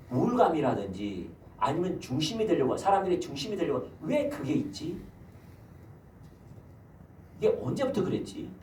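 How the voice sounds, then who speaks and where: A man's voice: a little high, darkish tone, slight background noise. A man, the senior pastor, giving a Sunday sermon and putting rhetorical questions to his congregation. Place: church sanctuary. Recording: echoey church hall, mic at a distance.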